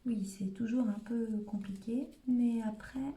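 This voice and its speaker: A woman's voice: a little high, fairly even intonation, unhurried, dark tone, a little hiss or hum. Chatty woman with a northern French accent. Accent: Hauts-de-France. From Hauts-de-France, northern France. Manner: chatty, narrates her hands-on steps with frequent "hop" and "voilà". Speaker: stamping craft demonstrator. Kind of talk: live crafting demonstration. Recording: roomy echo.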